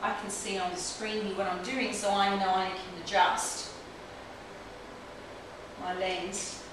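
This instructional demo features a trichologist in her forties speaking slowly in a level, medium-pitched voice while she works on a client, explaining each step. The small clinic room and far-off camera mic leave a roomy echo and clear background hiss.

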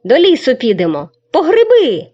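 A woman voicing an impatient, bossy village boy who shouts at his friends. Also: high-pitched, huge pitch swings, moderate pace, voice pushed up, full character voice. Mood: shouting eagerly. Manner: shouting, eager. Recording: dull lo-fi recording.

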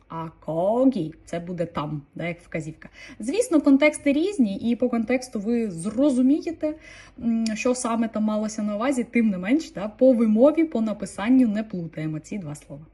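A woman teaching an online language lesson, calmly explaining and repeating each new word. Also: mid-range voice, breathy edge.

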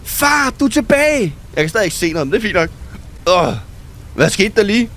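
A man giving excited gameplay commentary as a gaming YouTuber. He reads game text aloud and drops English game words into his talk. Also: sits high, slight background noise.

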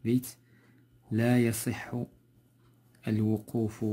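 A male teacher with a Moroccan accent works through a textbook lesson patiently, step by step, and repeats the key terms. His voice sits low and sounds mellow and dark, with a husky edge. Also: monotone, slow pace.

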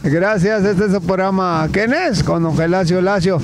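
An older man hosts a casual interview in a large indoor hall, talking into a handheld mic. His voice sits high, and he is chatty, stopping often on fillers. Loud music plays behind him. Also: normal speed. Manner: chatty, hesitant with many fillers. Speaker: host.

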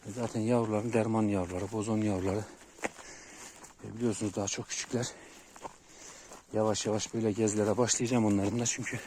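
A man casually narrating a vlog outdoors on a mountain walk, talking to his viewers about his dogs. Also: lowish voice. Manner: relaxed, chatty, addresses viewers directly. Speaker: dog owner showing his dogs. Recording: outdoor recording with clear background noise.

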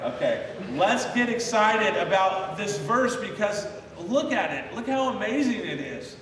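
A man's voice: high voice, very animated, measured pace, a bit bright, slight background noise. A male pastor preaching a sermon and leading the congregation in call-and-response on a memory verse. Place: church sanctuary. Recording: echoey church hall from a distance.

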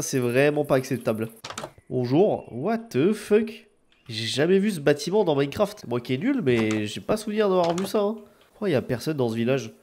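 Young guy talking through a horror game, kinda high voice, cursing and yelping at jump scares. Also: a little mellow, slight background noise. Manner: chatty, swears often, yelps when startled. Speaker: gaming video creator. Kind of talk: live gameplay commentary.

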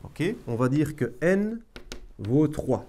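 A man teaches a math lesson in a classroom, his pitch rising and falling in an animated way. He speaks slowly and coaxes his students, talking straight to them as he works through the problem. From Belgium. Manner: lively, coaxing, talks to students directly.

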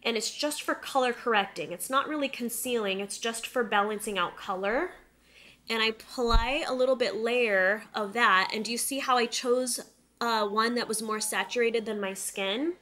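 A woman's voice: on the high side, moderate pace, sharp tone. A woman in her thirties with a nasal, stuffy nose from a cold, chatting directly to viewers through a casual beauty tutorial. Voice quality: nasal, slightly stuffy-nosed. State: getting over a cold. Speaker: makeup tutorial host. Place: indoor room studio set, seated close to camera.

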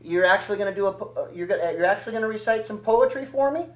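Quick-talking ventriloquist man. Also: high voice, lively intonation, reverberant, far from the mic. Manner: patient, mildly scolding straight man. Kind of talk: comedy ventriloquist act, straight man.

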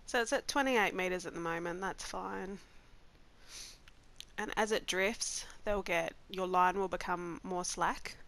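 A woman's voice: lowish voice, unhurried, a bit bright. A woman from Australia, nasal-sounding because she has the flu, casually talking viewers through a gameplay tutorial step by step. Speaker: gaming channel host.

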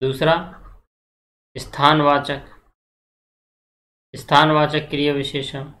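A male teacher with a voice on the high side, pushed and bright, gives an exam-prep Hindi grammar lecture slowly and with flat delivery. He quizzes his students, answers the questions himself, repeats things and checks in frequently.

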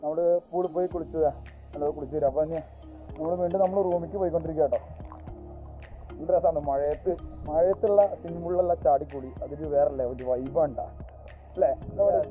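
Kerala guy doing a travel vlog, talks really fast, malayalam english mix, hyped, music behind him. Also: on the high side, warm tone, poor audio. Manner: mixes English words into Malayalam; enthusiastic, repeats catchphrases of approval. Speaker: travel vlogger, host. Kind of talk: casual vlog commentary to viewers.

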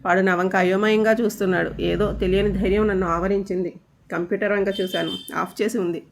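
Brief: woman storyteller, steady suspenseful narration, middle pitch. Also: a little fast, creaky.

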